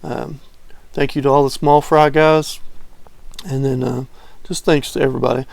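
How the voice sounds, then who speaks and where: A man talking casually to camera as a fragrance reviewer, relaxed and rambling with many fillers. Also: mid-range voice, moderate pace, gravelly, dry recording.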